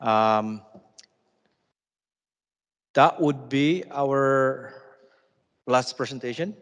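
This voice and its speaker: A man moderating a business forum panel, halting with many fillers. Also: mid-range voice, a bit bright. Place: conference hall. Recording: reverberant conference hall.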